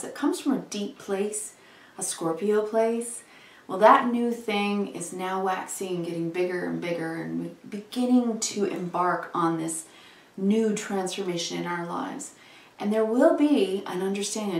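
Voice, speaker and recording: A woman with a medium-pitched voice reads tarot in a mystical horoscope style. She guides the listener soothingly and without hurry. The recording is roomy and distant from the microphone. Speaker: tarot reader and channel host. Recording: roomy, distant mic with background noise.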